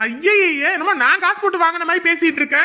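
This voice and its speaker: A woman's voice: extremely high pitch, fast, sharp tone, slight background noise. A woman playing a cheeky, offhand young adult son in a comedy sketch. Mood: defensive.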